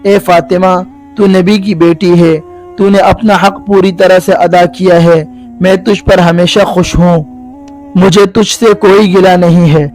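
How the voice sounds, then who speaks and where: A man's voice: high voice, level tone, darkish tone, faint music behind, natural voice, low-quality recording. A man voicing a devoted husband who weeps and asks sorrowful questions. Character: grieving devoted husband, weeping and bewildered.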